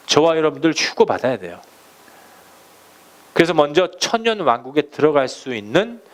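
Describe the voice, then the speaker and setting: A male pastor preaching a sermon, asking the congregation rhetorical questions and acting out quoted speech. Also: on the high side.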